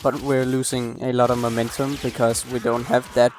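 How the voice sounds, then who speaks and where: A man's voice: mid-range voice, level tone, moderate pace, a little mellow, soft background music. A man talking casually through a game build walkthrough late at night, rambling and apologetic, with a cough, recorded close on a desk mic. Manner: apologetic, rambling, many restarts. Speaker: gameplay guide creator.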